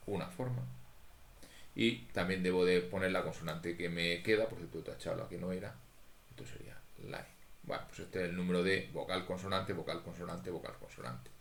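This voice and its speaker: A very low-voiced man talks through a statistics exercise at an unhurried, methodical pace. His voice bounces around an echoey room. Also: creaky, a bit bright, slight background noise. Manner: methodical, thinks aloud, talks to students. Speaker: statistics teacher. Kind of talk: recorded lecture walking through exercises.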